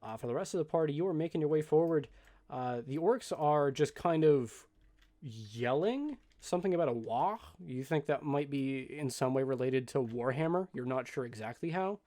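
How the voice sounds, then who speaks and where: Relaxed man running a tabletop game. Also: on the high side, normal speed. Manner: relaxed, filler-heavy narration. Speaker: game master.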